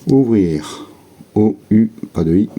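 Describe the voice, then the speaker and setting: A man with a very dark, mellow, low voice talks slowly and quietly to himself, spelling out letters as he checks scratch tickets at home. A faint hiss sits under the recording. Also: expressive. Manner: slow, methodical, muttering letters and words to himself. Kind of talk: casual running commentary while scratching tickets.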